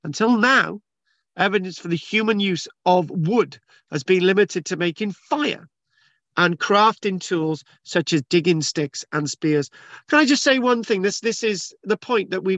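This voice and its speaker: A man's voice: high-pitched, normal speed, fairly bright tone, no echo, lo-fi sound. A man reading news articles aloud and commenting in a rambling, casual way, with many restarts and fillers. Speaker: channel host reading and discussing archaeology news. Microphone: video call screen share.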